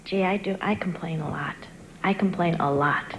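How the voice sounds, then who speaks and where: A woman's voice: lowish voice, normal speed. A woman in her thirties bantering casually as a game show contestant at a desk microphone. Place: television studio. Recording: noisy old TV studio broadcast.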